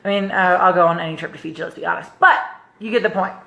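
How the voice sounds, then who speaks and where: A young woman coach telling a personal story to camera in a casual, animated way. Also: on the low side, quick pace, gravelly. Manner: animated, chatty, acts out others' voices. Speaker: life coach. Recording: echoey room.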